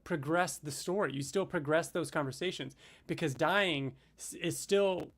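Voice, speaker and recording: A man's voice: fairly high pitch, moderate pace, a bit bright. A man chatting casually as a podcast co-host, eager and running his thoughts together, his mic crackling and distorting. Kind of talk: casual chat over a remote call.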